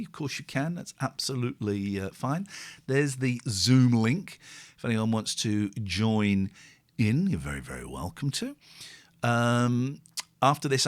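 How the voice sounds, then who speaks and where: Reading viewer comments out loud, a live-stream host from England, a man in his forties close to fifty, keeps the chat loose and casual, rambling, repeating himself and teasing himself. His pitch jumps from low mutters up to sudden high bursts.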